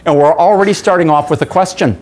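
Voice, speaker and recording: A man training a room of workers, telling anecdotes with lively acted voices and quizzing the audience. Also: on the high side, quick pace. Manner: animated storyteller, acts out voices, asks the audience. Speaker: sales trainer. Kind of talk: seminar talk with acted anecdotes.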